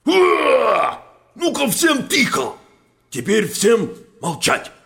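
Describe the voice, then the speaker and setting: A man voicing a greedy, bossy male bear in a storybook tale, with a gravelly, blustering drawl. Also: extremely high pitch, wildly swooping pitch, extremely slow, voice pushed up, full character voice. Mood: bellowing. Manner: blustering, demanding, shouts. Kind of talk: storybook narration.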